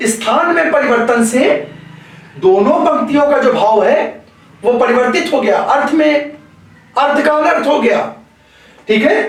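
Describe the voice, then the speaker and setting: Male teacher, slow deliberate lecture, repeats phrases; recorded off-mic in a booming room. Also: recorded from a distance. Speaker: Hindi grammar teacher. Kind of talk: classroom lecture. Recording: very echoey room, voice away from the mic.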